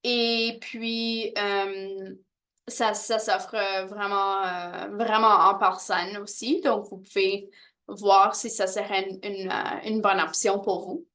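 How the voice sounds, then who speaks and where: A woman walks prospective students through university programs in a steady, mid-pitched voice. She pauses often and restarts her phrases as she goes. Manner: hesitant, many fillers and restarts. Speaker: university recruitment presenter. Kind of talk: informational presentation to prospective students.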